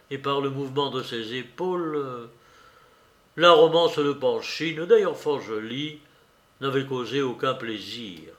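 A man narrating an audiobook in a measured, even storytelling manner. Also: medium pitch. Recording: roomy echo.

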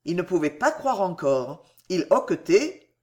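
A man narrating a novel in an expressive, theatrical audiobook style. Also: high voice, unhurried.

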